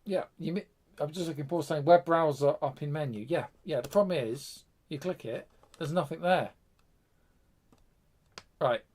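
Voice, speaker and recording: A man's voice: fairly high pitch, moderate pace, long pauses, darkish tone. A man with a British accent hosting a casual tech live stream, chatty and rambling, often breaking off with fillers and restarts.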